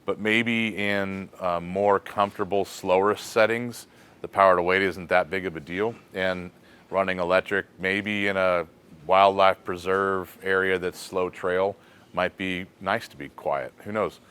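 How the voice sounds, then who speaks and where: A deep-voiced American man leads a laid-back shop chat. His voice is smooth and clear. He muses aloud and leans on easy fillers as he answers questions. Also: a little slow. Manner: relaxed, thinking aloud with fillers. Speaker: host of a shop question segment. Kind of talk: casual shop talk.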